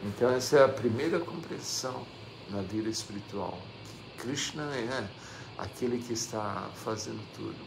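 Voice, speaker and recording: A man's voice: on the low side, normal speed, vocal fry, background noise. A man with a Brazilian Portuguese accent giving a religious class, reading scripture and commenting. He repeats phrases and keeps asking "não é?" to his listeners. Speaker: religious teacher. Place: devotional center hall.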